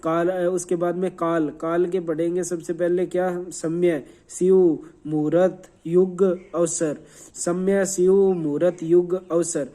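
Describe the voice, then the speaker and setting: High, mellow-voiced man drilling revision. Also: flat delivery, slow pace. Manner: repeats and quizzes, spells words letter by letter. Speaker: teacher. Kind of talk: quick revision lesson.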